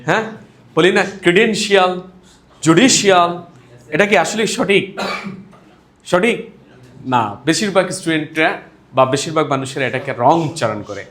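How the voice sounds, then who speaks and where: A man's voice: fairly high pitch, normal speed, long pauses, fairly bright tone. A man teaching English pronunciation to a class, leading call-and-response drills, asking questions and laughing often. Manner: leads students in repeating words, asks questions, laughs often. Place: classroom with students. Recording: echoey classroom with a crowd of students. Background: students repeating in chorus.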